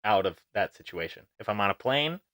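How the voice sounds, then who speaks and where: A man co-hosting a podcast in casual chat, talkative and quick to laugh, retelling scenes with animation. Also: on the low side, animated, a bit bright, no echo. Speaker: podcast co-host.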